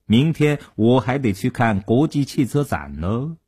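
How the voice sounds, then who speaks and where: A male storyteller voicing a rich, cautious male tycoon at the card table, speaking in a low, drawn-out, coaxing way. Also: very animated, warm tone, slightly rough. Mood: easygoing.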